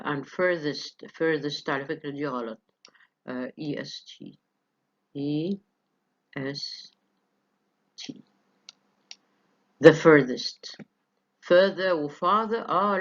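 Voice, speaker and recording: A woman with an Egyptian accent giving a university lecture, explaining step by step with many hesitant fillers. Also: deep voice. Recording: muffled lo-fi lecture recording.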